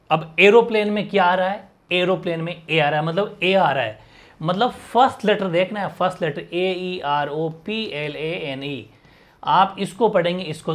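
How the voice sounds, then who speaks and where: A young man leads an exam-prep grammar lesson in a fairly high voice. He keeps asking his students rhetorical questions and says each letter sound aloud, often more than once. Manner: explains with many rhetorical questions and repeated sounds. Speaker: teacher.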